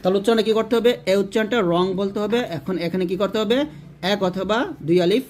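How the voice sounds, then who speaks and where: A man teaching Quran recitation rules in an online lesson, asking and answering his own questions and drawing out example syllables slowly. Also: high voice, steady tone, darkish tone, slight background noise.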